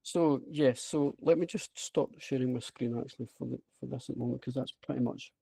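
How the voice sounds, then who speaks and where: A man's voice: medium pitch, fairly quick, creaky, dark tone, breathy edge, no room sound. A man with a broad Scottish accent giving an informal online presentation, hesitant and self-deprecating but enthusiastic. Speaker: presenter, app creator. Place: remote online video call with screen share.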